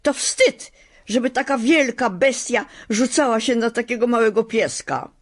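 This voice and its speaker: Woman doing a little storybook girl, squeaky high and indignant, scolds a lot. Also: huge pitch swings, takes it slowly, husky, exaggerated voice. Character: small brave spirited girl.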